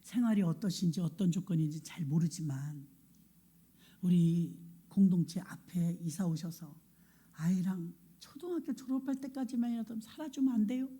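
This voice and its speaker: A woman's voice: fairly low pitch, animated, moderate pace, warm tone, slightly rough. A middle-aged woman pastor preaching a sermon, telling a story and acting out the people in it.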